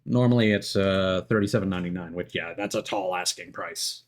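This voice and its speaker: Deep-voiced and fairly quick, this man comments casually on his gameplay during a livestream. He rambles, gets distracted easily and swears casually while game music plays in the background.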